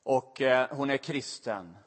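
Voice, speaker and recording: A middle-aged man preaching a sermon, telling a personal story in a confessional way that grows emotional. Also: medium pitch. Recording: long reverb of a large hall.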